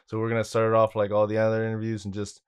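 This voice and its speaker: A man's voice: lowish voice, monotone, rapid-fire, clean tone. A young man hosting an interview show, welcoming and affirming his guest in an upbeat way with plenty of "yeah" and "you know". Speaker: podcast host. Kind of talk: casual interview.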